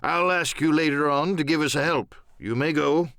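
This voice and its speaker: A man's voice: a little high, normal speed, a bit bright, clean tone, no echo, studio quality, pitched above the performer's own voice. A man playing an authoritative ship's captain in an audiobook drama, clipped, commanding and formal. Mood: curtly polite. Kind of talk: audiobook radio-play acting.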